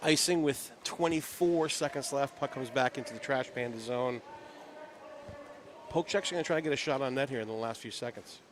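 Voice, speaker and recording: Easygoing hockey color commentator, noisy audio. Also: male voice, medium pitch, moderate pace. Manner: chatty and easygoing, banters with his partner. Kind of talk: casual live sports color commentary.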